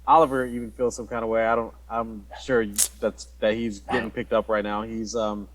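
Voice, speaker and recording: A man's voice: lowish voice, level tone, normal speed, slight background noise, low-quality recording. Laid-back male podcast co-host. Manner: laid-back, says "dude" a lot. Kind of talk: casual chat.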